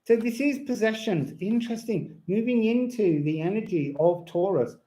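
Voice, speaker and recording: A man's voice: high-pitched, animated, moderate pace, warm tone, rough recording. A man chatting casually on a live stream as a rambling, whimsical tarot reader, his words slightly slurred with lips over toothless gums. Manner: rambling, whimsical, breaks into bits of song. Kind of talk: casual live chat with tarot and astrology reading. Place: indoors at home.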